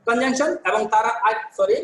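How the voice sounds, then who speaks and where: High-voiced male teacher in an echoey room. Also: animated, moderate pace, a bit bright. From Bangladesh. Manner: explains step by step, often asks and answers his own questions; repeats words and corrects himself with "sorry". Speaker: English teacher. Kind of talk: online class lecture.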